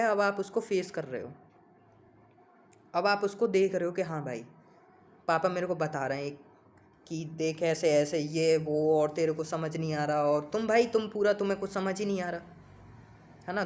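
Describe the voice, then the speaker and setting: A man with a high-pitched voice teaches English vocabulary in a casual coaching lesson, chatting informally with his students and spelling words out letter by letter.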